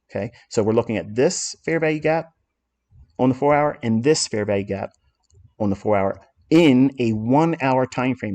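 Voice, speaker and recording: A man's voice: medium pitch, a little mellow. A man walking through trading charts in a lesson, blunt and self-assured as he explains what he authored. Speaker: trading educator.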